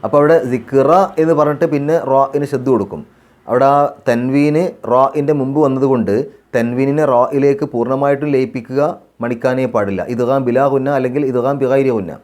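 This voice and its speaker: A Quran teacher from Kerala, India, gives a tajweed recitation lesson in a mid-range voice. He chants verses slowly and melodically, then calmly explains the recitation rules step by step, repeating phrases to model pronunciation.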